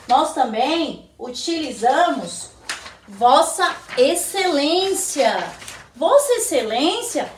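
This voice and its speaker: A woman teacher with a Brazilian Portuguese accent giving a recorded lesson to young children, slowly asking questions and answering them herself. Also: sits high, far from the mic. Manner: slow, sing-song teacher talk, answers her own questions. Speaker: primary school teacher. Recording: echoey room, slightly off-mic.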